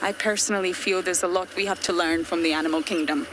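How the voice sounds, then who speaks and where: A woman's voice: on the low side, steady tone, quick pace. A woman from Scotland with a Scottish accent, a safari guide chatting earnestly to viewers during a live game drive. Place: open safari vehicle outdoors in the bush at dusk. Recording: outdoor bush ambience and vehicle noise.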